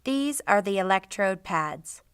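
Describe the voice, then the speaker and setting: A middle-aged woman narrating a scripted training demonstration in a clearly enunciated, instructional manner. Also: medium pitch, expressive, unhurried, slight background noise. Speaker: instructor, presenter.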